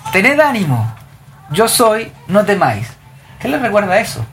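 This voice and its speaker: A woman's voice: medium pitch, very animated, measured pace, fairly bright tone, a little hiss or hum. A woman leading a group Bible study, explaining scripture and asking the group questions. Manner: asks the group questions, reads verses aloud.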